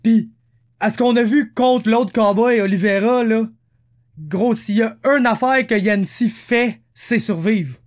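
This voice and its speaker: A man with a Quebec French accent co-hosting a casual podcast, slangy and animated, dropping English words into his talk. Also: high-pitched, measured pace. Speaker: podcast co-host.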